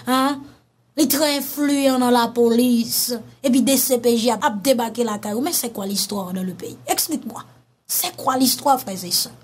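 Animated Haitian woman commentator, high voice. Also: normal speed, slightly rough. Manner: animated, addresses listeners as brothers and sisters. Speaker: online commentator. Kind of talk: casual commentary.

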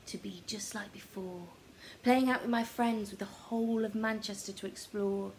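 A woman voicing a young boy making a heartfelt Christmas wish, speaking softly and partly in a whisper. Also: on the high side, a little hiss or hum, lightly acted, poor audio.

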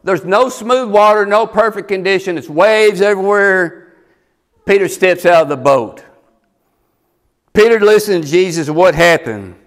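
A male pastor preaching a sermon, animated and acting out the scripture story. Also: high-pitched, measured pace.

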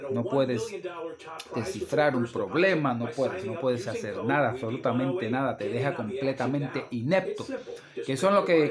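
A man ranting off the cuff, heated and profane, repeating himself. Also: a little high. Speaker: vlogger. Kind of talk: off-the-cuff rant.

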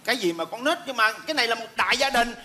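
A whiny, nosy son pries and insists in a high, lively voice that swoops around. His tone is bright and pointed on a live comedy stage. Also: racing, exaggerated voice. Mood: insistent. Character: nosy grown son of the family.

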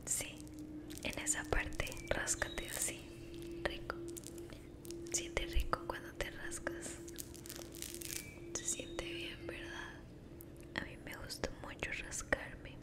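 Slow and gentle, a woman's whisper leads the listener through an ASMR role-play. She offers warm encouragement, choosing caring words and affectionate diminutives.

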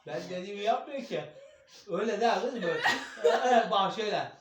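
A man's voice: sits high, animated, a little fast. A man, a father, talking casually to family in a coaxing, soothing way. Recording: echoey noisy room, distant microphone.

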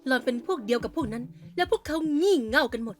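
A woman voicing a blunt, scornful goth teenage girl in an animated story dub. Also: high-pitched, quick pace, soft background music.

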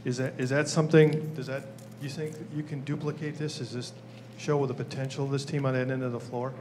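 A man's voice: medium pitch, flat delivery, brisk, noisy background. A man asking long, rambling questions as a sports reporter at a press conference.

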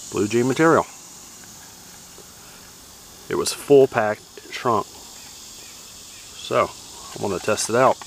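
A man casually narrating his camp cooking outdoors in the woods, relaxed and plain-spoken, giving practical tips. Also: mid-range voice, slow, creaky, long pauses, a little hiss or hum. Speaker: outdoors vlogger.

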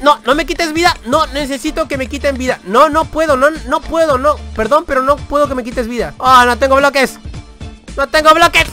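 A young man with a Rioplatense Spanish accent giving crude, excitable, boastful commentary over gameplay. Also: very high-pitched, brisk, few pauses, faint music behind. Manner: excitable, crude, playfully boastful, bursts into shouts and laughs. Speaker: gaming YouTuber.

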